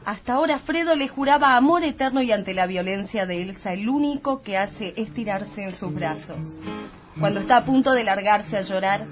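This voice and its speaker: A woman's voice: fairly high pitch, lo-fi sound. A woman giving scripted narration for a radio comedy.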